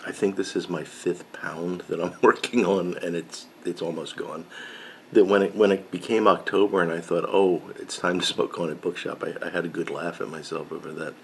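Speaking at a normal pace with fairly even intonation and vocal fry, a middle-aged, pipe-smoking woodworking channel host addresses the camera from his home workshop beside a pegboard of tools. His low voice carries a little hiss or hum as he rambles casually, often correcting himself and filling gaps with fillers.

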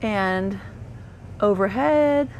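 Inside a parked motorhome, a woman who sells RVs gives a thorough walkthrough tour, chatty, with fillers and self-corrections. Her mid-range voice draws out words, and air conditioning hums faintly in the background.

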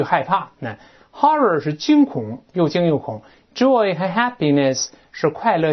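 A woman with a low, husky voice teaches an English textbook lesson, her pitch swinging widely as she talks. She explains words and grammar in a chatty, folksy way, full of asides and rhetorical questions. The recording sounds dull and lo-fi.

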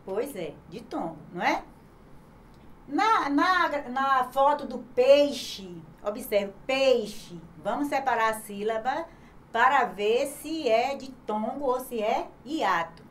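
A Brazilian-accented woman teaches children grammar in a slightly raised voice, unhurried and careful. She spells words out syllable by syllable and poses questions to her young class before answering them herself. A faint hiss of background noise sits under the recording. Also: sits high, expressive. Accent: Brazilian Portuguese. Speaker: primary school teacher. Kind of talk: online grammar lesson for children.

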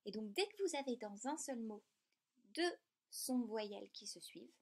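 A woman teaching a lesson in a clear, patient, step-by-step way. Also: on the high side, animated, moderate pace. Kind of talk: explanatory lesson.

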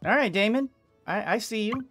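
Game music plays behind a middle-aged gaming host who talks through a casual let's play, hesitant and thinking aloud to himself. His high-sitting voice is animated and a bit bright at a moderate pace. Captured through a headset and a boom-arm microphone, the recording has no room sound.

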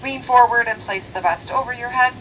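A woman's voice: on the high side, fairly quick, fairly bright tone. Distant woman giving cabin safety announcement. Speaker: flight attendant. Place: aircraft cabin over intercom. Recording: distant cabin PA with aircraft noise.

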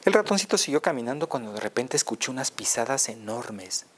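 A man telling a children's tale aloud in an animated, playful way, full of repetition. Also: medium pitch, a little fast, slightly rough. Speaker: storyteller. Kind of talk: oral storytelling for children.

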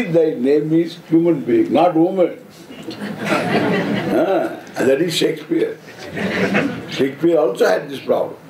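Older male swami, South Indian accent. Unhurried, deliberate, humorous discourse, very animated intonation, noisy live room. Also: fairly high pitch. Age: 70s. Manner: deliberate, halting phrases, playful humour. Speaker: spiritual teacher, swami. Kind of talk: informal spiritual discourse. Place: seated on stage before an audience, indoors. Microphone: stand microphone close in front. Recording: roomy echo, audible background noise.

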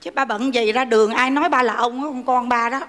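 High, bright-voiced pleading daughter, stage hall reverb, female performer. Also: fairly even intonation, brisk, natural voice. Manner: pleading, teasing, whiny. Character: whiny grown daughter desperate to marry. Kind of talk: live stage comedy sketch.

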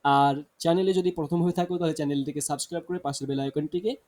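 A man with a Bangladeshi Bengali accent teaching a beginner language lesson, reading example sentences and translating them, often restarting words and pausing with fillers. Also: on the high side, fairly even intonation, a little mellow. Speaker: Arabic teacher.

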